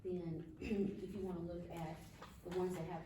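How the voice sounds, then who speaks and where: A woman informally explaining figures at a meeting as a staff member, in a halting, explanatory way. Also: fairly low pitch, level tone, warm tone. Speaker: county staff member presenting salary figures. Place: indoor meeting room, far from the mic. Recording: distant echoey room recording, clear background noise.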